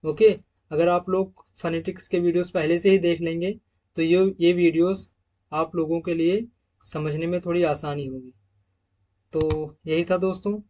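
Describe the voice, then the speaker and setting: A man teaching pronunciation from slides, addressing viewers as friends and repeating example words slowly. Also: a little high, steady tone, warm tone. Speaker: English teacher. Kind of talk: slide-based pronunciation lesson.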